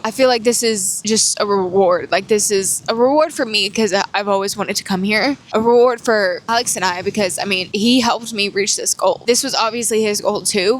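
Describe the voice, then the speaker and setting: A woman's voice: mid-range voice, fairly bright tone, a little hiss or hum. A woman in her twenties talking casually to the camera in a personal vlog, rambling and heartfelt with lots of fillers. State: choked up, near tears. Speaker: vlogger.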